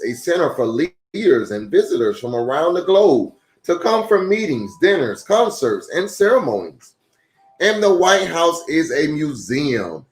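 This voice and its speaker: With expressive delivery and a medium-pitched voice, a man hosting children's storytime reads a picture book aloud; he is a pastor. He often turns to the kids with rhetorical questions and exclamations. Music plays under a roomy, echoing recording.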